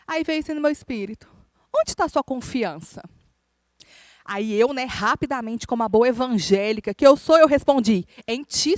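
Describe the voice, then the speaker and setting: A woman minister, preaching a sermon through a lively personal story and often calling out to the congregation. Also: high-pitched, dry recording. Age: adult, married.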